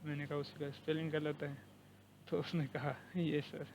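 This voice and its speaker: A man's voice: on the high side, flat delivery, normal speed, darkish tone, a little hiss or hum, low-quality recording. A man with a Pakistani accent, a university lecturer, talking to camera in an earnest conversational way and slipping English words into his speech. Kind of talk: personal talk to camera. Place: living abroad, recording informally.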